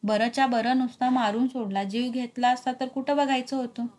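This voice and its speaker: A woman's voice: a little high, level tone, normal speed, darkish tone, natural voice. A woman reading aloud the lines of a stern old male village headman from a novel, in a scolding, commanding way. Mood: grim.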